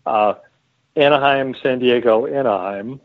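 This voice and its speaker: A man's voice: medium pitch, unhurried. A man co-hosts a casual radio chat with a wry, joking manner. His voice comes through a tinny, phone-like line. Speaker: co-host.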